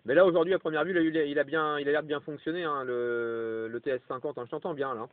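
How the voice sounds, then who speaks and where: A man with a fairly high voice talks fast with fairly even intonation over a CB radio, chatting casually as a radio amateur. He rambles and tacks little tags onto his phrases in this two-way radio chat. The audio is narrow and tinny like a CB transmission, with no echo.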